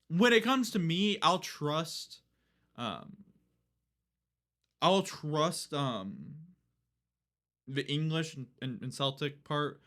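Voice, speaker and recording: A young man chatting on a live stream in a loose, rambling way, full of fillers, restarts and offhand swearing. His pitch sits a touch high and moves around a lot, rising and falling as he talks. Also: pushed and bright. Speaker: livestreamer. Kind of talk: casual live-stream chat.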